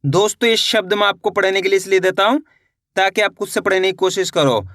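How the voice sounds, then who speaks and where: A man teaching children to read, sounding out syllables slowly and repeating each word after asking how to read it. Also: sits high, a bit bright, no echo, studio quality. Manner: repetitive, drawn-out sounding of syllables with quiz questions. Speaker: Hindi reading teacher. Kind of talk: slow syllable-by-syllable reading lesson.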